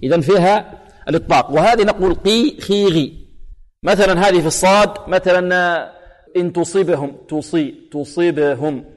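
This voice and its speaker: Man teaching tajweed, slow demonstrations. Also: sits high. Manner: explains rules, then slowly demonstrates letters and verses. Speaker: Quran recitation teacher. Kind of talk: tajweed lesson with recited examples. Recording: long hall reverb.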